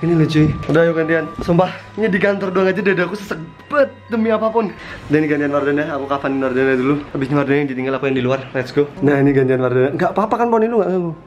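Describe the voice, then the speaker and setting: A man's voice: a little high, animated, rapid-fire, hardly any pauses, reverberant, highs cut off, faint music behind. A young man, hosting a casual horror-challenge vlog in an office, slangy and swearing in jokey banter. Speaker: vlogger. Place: office room indoors.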